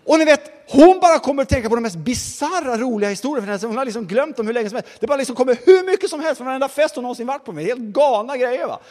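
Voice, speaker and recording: A man preaching a sermon, telling stories with lively asides to the congregation. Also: extremely high pitch, hardly any pauses, long reverb tail. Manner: lively storytelling with audience asides.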